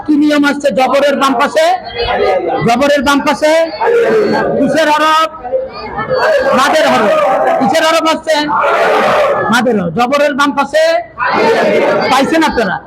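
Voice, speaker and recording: Guy teaching a class, really high voice, calls out rules, loud noisy room. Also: measured pace, pauses often. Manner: drills rules loudly, often calls out. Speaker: Quran reading teacher. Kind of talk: classroom teaching with call and response. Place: classroom with many students. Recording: loud room noise and crowd.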